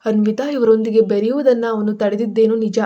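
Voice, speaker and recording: A woman narrating a scripted story with a steady, expressive reading. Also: on the high side, quick pace, dull audio.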